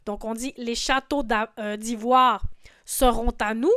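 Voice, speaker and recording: A woman in her forties teaches in a slow, deliberate lesson voice, patient and didactic. Her tone sits fairly high and comes across smooth and resonant. The recording is dry and close, with no room sound. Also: steady tone, a bit bright, no echo. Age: 40s. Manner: patient, didactic, frequent "hein" fillers. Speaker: French teacher. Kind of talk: language lesson explaining song lyrics.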